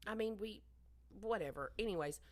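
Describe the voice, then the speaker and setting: A woman's voice: medium pitch, expressive, moderate pace. A woman co-hosting a podcast, telling a story in a casual, rambling way that keeps doubling back on itself. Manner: rambling, self-interrupting, trails off. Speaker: podcast co-host. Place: basement room used as bar and storage.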